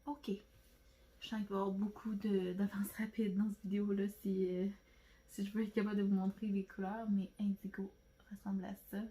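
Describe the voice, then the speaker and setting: A Québécois woman vlogger talks through her nail products on camera, in a casual, rambling way full of fillers. Her voice is mellow and dark, held in a narrow, level pitch. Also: level tone, brisk. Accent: Québécois French. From Quebec, Canada. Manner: chatty, rambling, many fillers and restarts. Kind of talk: casual product haul chat.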